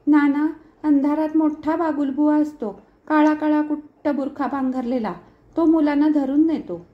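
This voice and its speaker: Woman doing a scared little girl, high and pleading, bit muffled lo-fi sound. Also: steady tone, measured pace, echoey room. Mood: fearful. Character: little girl, timid and afraid of the dark.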